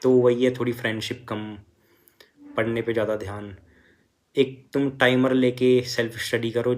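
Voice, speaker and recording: A young man, a first-year medical student, telling his exam story and advising students in a casual, filler-heavy way. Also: mid-range voice. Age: young adult. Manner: conversational, many fillers, advising students directly. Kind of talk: casual motivational talk.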